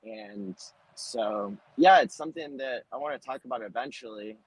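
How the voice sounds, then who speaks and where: Husky man on an earbud headset mic. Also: medium pitch, very animated, moderate pace, rough recording. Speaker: therapist, call participant. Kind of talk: casual chat. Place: in a moving vehicle on a windy highway. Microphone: earbud headset mic, livestream audio.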